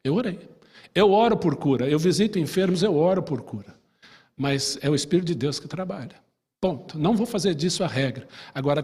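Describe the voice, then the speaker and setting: A pastor with a Brazilian Portuguese accent runs a conversational Sunday school Bible class in a church hall, chatting easily, asking questions and telling personal stories. His rather high voice is husky, breathy and a little mellow. Long reverb follows each phrase.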